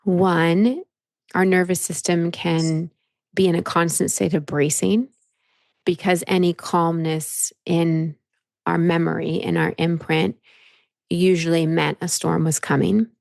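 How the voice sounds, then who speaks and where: Calm, gravelly-voiced female coach. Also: on the low side, a little slow, no echo, clean studio sound. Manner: calm, explains patiently with repeated phrases. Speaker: life coach. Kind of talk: coaching session.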